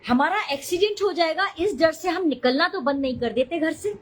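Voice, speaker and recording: A woman's voice: very high voice, normal speed, low-quality recording. A middle-aged woman chatting casually on a live stream, talking defensively and greeting viewers mid-talk.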